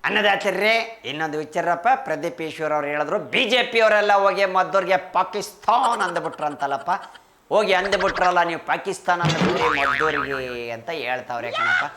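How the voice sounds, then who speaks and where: In a very noisy clip, a man with a high voice and moderate pace presents a comic news monologue as host of a satirical political segment. His rustic Karnataka Kannada accent colors the folksy, chatty delivery as he poses rhetorical questions to viewers.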